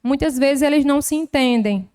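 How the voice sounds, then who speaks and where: A woman's voice: high voice, brisk, darkish tone. A woman with a Northeastern Brazilian accent, a health professional giving an explanatory talk at a formal session, teaching patiently with many examples. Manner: didactic, explains with examples and diminutives. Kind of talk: lecture at a formal council session. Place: legislative chamber.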